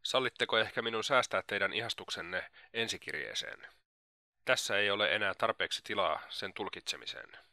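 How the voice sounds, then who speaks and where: Audiobook: male reader voicing a haughty young gentleman, measured and cool; dry, close sound. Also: lowish voice, animated, dry recording, exaggerated voice. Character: proud, reserved young gentleman.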